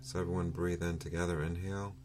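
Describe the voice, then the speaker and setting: A man leading a guided breathing meditation in a soothing, unhurried manner, leaving long pauses between phrases. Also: low-pitched, flat delivery, music in the background. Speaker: meditation teacher.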